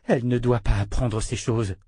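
A man's voice: mid-range voice, steady tone, moderate pace, mellow, slightly rough, dry recording, clean studio sound, natural voice. A man voicing a proud, tormented male prisoner. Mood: pleading.

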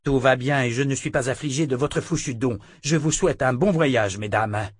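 A man's voice: medium pitch, moderate pace, breathy edge, no room sound, studio quality, close to an everyday voice. A man voicing a blunt, defiant young swordsman in a storybook reading, curt and guarded.

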